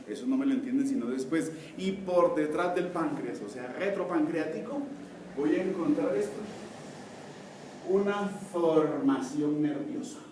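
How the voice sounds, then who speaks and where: A man's voice: on the high side, darkish tone. A man giving a university anatomy lecture, explaining step by step and checking with his students. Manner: explains step by step, asks the class to confirm. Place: lecture hall. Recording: echoey hall from far off, faint noise.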